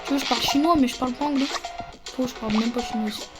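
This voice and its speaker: A woman giving casual, excitable commentary while playing a video game, chatty and poking fun at herself. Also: high-pitched, very fast, rough recording. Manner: excitable, chatty, self-mocking. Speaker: gaming streamer. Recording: loud game music behind the voice.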